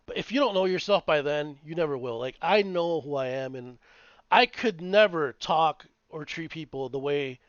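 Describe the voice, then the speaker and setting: A man's voice: on the high side, normal speed, clean tone, dry recording. A man in his late thirties, chatting casually as a podcast co-host, swearing and ranting in a rambling way. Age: 30s. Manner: profane, rambling, animated ranting. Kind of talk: casual chat. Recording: dull lo-fi dry sound.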